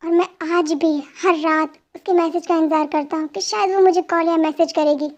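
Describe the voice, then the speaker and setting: A woman voicing a heartbroken young male boxer who answers quietly in an amateur fan dub. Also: extremely high pitch, steady tone, brisk. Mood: subdued. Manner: quiet, subdued replies.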